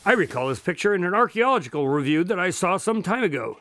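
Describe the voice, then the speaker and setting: An actor playing an earnest, proper doctor, a detective's loyal sidekick, in a radio drama. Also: male voice, sits high, very animated, fast, fairly bright tone, exaggerated voice. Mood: curious, earnest.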